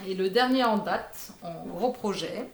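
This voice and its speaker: In an echoey room, a woman in her thirties shows off her knitting projects in a relaxed chat. She speaks a little slowly at medium pitch, hesitating often and filling gaps with "euh."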